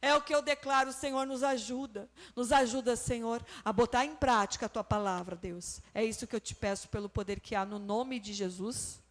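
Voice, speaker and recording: A woman leading an earnest, steady spoken prayer in church. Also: on the high side, normal speed, few pauses.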